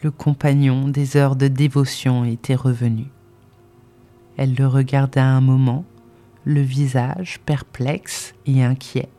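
An audiobook narrator reads literary prose in a measured, solemn cadence. The voice sits mid-range and sounds mellow and dark, with faint music under the reading. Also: medium pitch, flat delivery.

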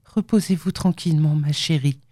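A woman voicing a soft, emotional young woman full of pity in an audiobook. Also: low-pitched, normal speed, no echo, studio quality. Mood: tender. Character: tender, tearful young woman.

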